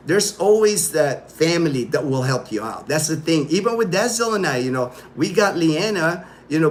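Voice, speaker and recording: A man's voice: medium pitch, a little hiss or hum. A man in his fifties, born in the Philippines, hosting a casual livestream and chatting loosely with viewers, full of fillers and asides. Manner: rambling, reads out viewer comments, many fillers. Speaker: livestream host.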